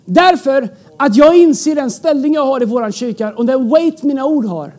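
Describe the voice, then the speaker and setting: A man from Sweden preaching a sermon as pastor to his congregation, animated, shouting out points and dropping English words into his talk. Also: extremely high pitch. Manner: animated, bursts into shouts, joking asides; drops English words into speech. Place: church stage before a congregation.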